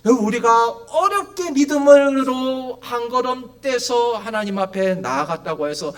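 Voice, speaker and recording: A man's voice: very high voice, expressive, moderate pace. A male pastor preaching a sermon emphatically, reading scripture and explaining it with vivid acted asides. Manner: emphatic preaching, acts out voices in quotes.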